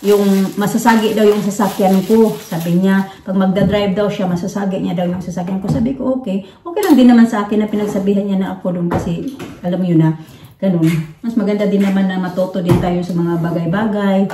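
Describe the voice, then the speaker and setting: A woman's voice: mid-range voice, a little fast, far from the mic. A woman from the Philippines chatting casually to her viewers, rambling with many fillers and restarts. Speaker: vlogger. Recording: roomy, from off the mic, faint noise.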